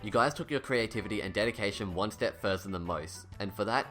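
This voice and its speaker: Man, lowish pitch, slushy lisp on s sounds, blunt sarcastic reviewer, scripted voice-over, swearing, music underneath. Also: brisk, a bit bright. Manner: blunt, sarcastic, sweary, self-deprecating at times. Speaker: video reviewer. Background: background music.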